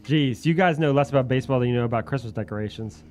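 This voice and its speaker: A man's voice: mid-range voice, very fast, darkish tone, soft background music. A man hosting a radio show, reading a comedy skit and making upbeat charity announcements. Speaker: radio host. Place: radio station studio.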